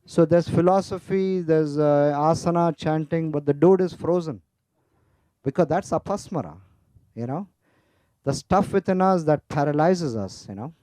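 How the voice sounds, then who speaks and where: Mellow-voiced man giving a joking talk. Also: fairly high pitch, moderate pace, dry recording. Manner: humorous storytelling with Sanskrit terms; chatty, frequent "you know" and "right?". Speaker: spiritual teacher. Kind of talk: casual festival talk.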